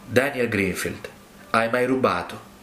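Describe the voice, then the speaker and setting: Preacher guy doing god on the throne, slow and grave, roomy echo. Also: mid-range voice, pushed and bright, slight background noise. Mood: solemn. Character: booming, solemn God judging from a throne.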